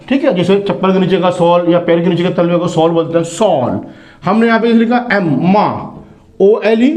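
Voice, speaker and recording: A man teaches an English phonics lesson. His voice sits fairly high, and he spells each word out letter by letter, then repeats the sound slowly for his students. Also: darkish tone.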